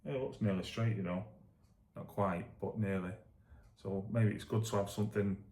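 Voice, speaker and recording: A man with a gravelly voice chatting casually as a vlogger, thinking aloud in a self-deprecating, rambling way while demonstrating exercises. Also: lowish voice, steady tone, moderate pace, darkish tone. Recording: echoey room.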